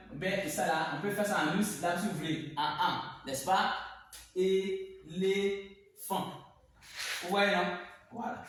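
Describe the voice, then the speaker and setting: A man teaching a reading lesson, explaining slowly and repeating words syllable by syllable at the board. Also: sits high, fairly bright tone, slight background noise. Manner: slow, repetitive, spells words by syllables. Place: classroom with a board. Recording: echoey room, mic far off.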